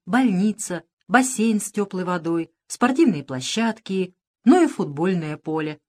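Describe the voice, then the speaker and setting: A woman narrating a children's story in a lively, expressive way. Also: mid-range voice. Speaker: audiobook reader.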